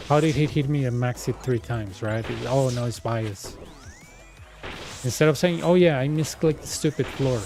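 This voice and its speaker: Animated young man ranting casually. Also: medium pitch. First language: Spanish. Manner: animated, retells arguments in quoted voices. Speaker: streamer. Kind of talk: casual rant while gaming.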